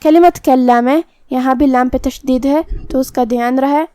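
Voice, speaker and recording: A woman's voice: high-pitched, steady tone, warm tone, no room sound, clean studio sound. A woman teaching a recitation lesson, explaining pronunciation rules step by step in a patient, instructional way. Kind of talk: tajweed lesson with slow chanted recitation.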